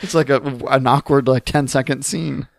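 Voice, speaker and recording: A man co-hosting a podcast in casual chat, riffing with quick jokes and a tired edge. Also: medium pitch, steady tone, vocal fry, dry recording. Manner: jokey, quick riffs, frequent laughs. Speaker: podcast co-host.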